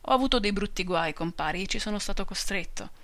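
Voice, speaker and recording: A woman voicing a humble young shepherd who speaks quietly and self-effacingly. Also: medium pitch, expressive, fast talker, no room sound, close to an everyday voice. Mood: modest.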